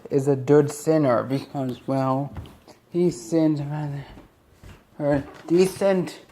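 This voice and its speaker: A man's voice: mid-range voice, steady tone, dark tone. Rambling male cartoon reviewer. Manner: rambling, with many restarts and quick asides. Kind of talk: casual review rant.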